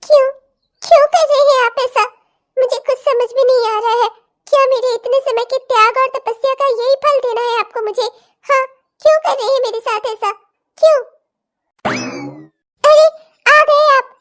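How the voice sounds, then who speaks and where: A woman voicing a patient, devoted young wife in a cartoon drama, pleading and gently insistent. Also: very high voice, fairly even intonation, normal speed, long pauses. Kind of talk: cartoon voice acting.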